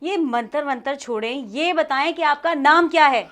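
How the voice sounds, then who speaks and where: High-voiced woman hosting a comedy show. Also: normal speed, fairly bright tone. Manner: polite scripted intro, then teasing and exasperated. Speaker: host.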